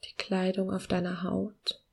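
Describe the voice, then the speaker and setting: A woman guiding a meditation in a soft, hushed, soothing near-whisper with long pauses and a breathy voice. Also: medium pitch, monotone. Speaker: podcast host guiding a meditation.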